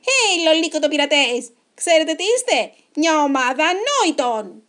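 A woman voicing a timid male rabbit pirate who acts brave, in a lively, raised voice. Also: sits high, natural voice. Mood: defiant.

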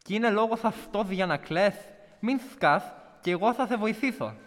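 A man's voice: sits high, animated, a bit bright, big-room sound. A man voicing a short, restless, gleeful goblin who lisps and mocks people's misfortunes. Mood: sly, gleeful. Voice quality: lisp. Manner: mocking, delighted by others' trouble.

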